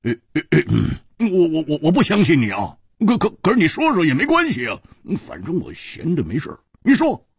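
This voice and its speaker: A storyteller voicing a hot-tempered male swordsman who stammers and bursts into shouts. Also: on the high side, huge pitch swings, brisk, hardly any pauses, slightly rough, no room sound, clean studio sound, voice pushed up, heavily acted. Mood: flustered.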